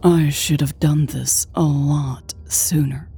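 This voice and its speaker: A woman's voice: on the low side, fairly even intonation, takes it slowly, mellow, slightly rough, heavily acted. A woman voicing an exhausted, defensive heroine who mutters her words, reading an audiobook. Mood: tired. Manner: weary, muttering.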